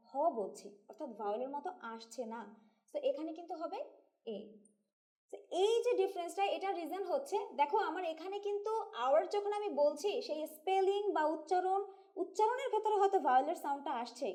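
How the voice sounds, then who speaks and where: A woman with a Bangladeshi Bengali accent teaches an English grammar lesson. Her voice sits high yet sounds soft and mellow, and she works through each rule patiently, putting questions to her students as she goes. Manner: patient, explains step by step and asks students questions. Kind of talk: classroom-style grammar lesson.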